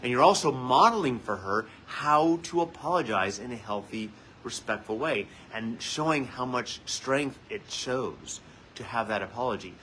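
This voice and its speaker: Earnest man therapist with a bright voice. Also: medium pitch, animated, moderate pace, slight background noise, low-quality recording. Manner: earnest and conversational, with frequent "so" and "you guys". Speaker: licensed marriage and family therapist; host of a weekly parenting tips segment. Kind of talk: casual spoken advice to parents.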